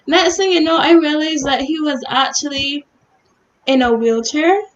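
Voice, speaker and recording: High-voiced young woman co-hosting. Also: moderate pace, lo-fi sound. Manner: chatty storytelling with frequent laughs. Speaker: youth show co-host. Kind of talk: casual panel chat.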